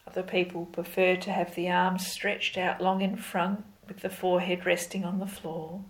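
A woman leading a yoga class as instructor, giving calm, gentle, step-by-step cues in an unhurried way. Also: on the low side, rough recording. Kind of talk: slow guided yoga instruction.

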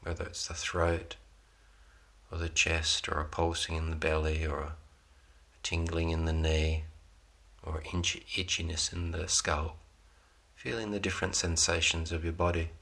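A man with a deep voice guides a relaxation meditation. His delivery is even and low, with little melodic movement. He offers soothing instructions in short, unhurried phrases, leaving room between them. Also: vocal fry.

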